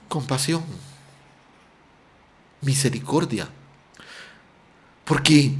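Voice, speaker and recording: A man preaching a sermon as pastor, emphatic, often dropping soft on key words and repeating phrases. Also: fairly high pitch, gravelly.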